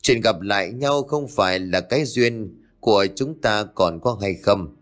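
A man voicing an old male sorcerer-healer who gives calm, measured advice. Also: on the low side, faint music behind, lightly acted. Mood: calm grave.

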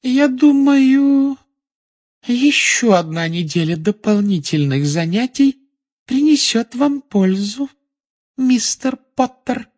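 A man reading as a prim female school official whose voice rises far above his own, sweet on the surface and icy underneath. She drags her words out slowly and softly, with a husky edge, every phrase silky and cloying. It is an audiobook character voice. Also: sits high, sing-song, pitched above the performer's own voice, heavily acted. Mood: cold, sugary. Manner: silky, cloying, coldly polite.

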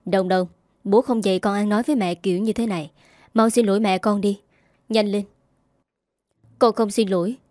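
A stern, reserved young father in a spoken story, firm and clipped, as a woman reads his lines. He comes across in a warm, mellow tone. The sound is dry and close. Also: medium pitch, fairly even intonation, moderate pace, pauses often, dry recording, close to an everyday voice. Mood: scolding.

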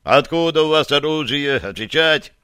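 A man voicing a stern, loud army sergeant who interrogates a private with slow, heavy commands in a dry, close recording. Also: fairly high pitch, expressive, clean tone, no echo, pitched above the performer's own voice. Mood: commanding. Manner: barking orders slowly and sternly.

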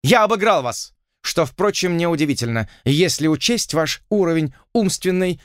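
A man voicing a haughty, high-strung English lord, the king's envoy, who talks in an indignant, pompous way. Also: expressive, normal speed, dry recording, clean studio sound, close to an everyday voice.

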